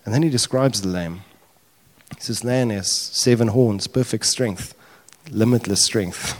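A man's voice: lowish voice, measured pace. A man preaching a sermon with passion, building to emphatic cries as he retells the scene. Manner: passionate preaching, rising to emphatic cries when voicing prayers. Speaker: pastor. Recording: long reverb of a large hall.

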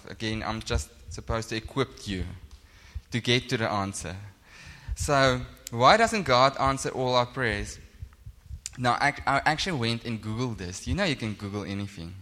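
A man's voice: on the low side, fairly bright tone. A man with a Namibian accent and Afrikaans as his first language, preaching an informal sermon in a plain-spoken, self-deprecating, conversational way. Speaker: pastor. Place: large indoor church hall. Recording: echoey hall with long reverb.

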